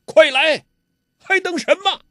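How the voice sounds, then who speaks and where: A man's voice: very high-pitched, very animated, a little slow, fairly bright tone, no echo, studio quality, pitched above the performer's own voice, heavily acted. A man voicing a menacing, domineering older male villain who barks threats and orders. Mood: bullying, threatening.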